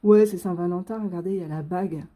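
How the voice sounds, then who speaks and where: A woman's voice: on the low side, fast talker, mellow. A young woman hosting a casual unboxing video, chatty and gushing with frequent fillers. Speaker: coloring channel host.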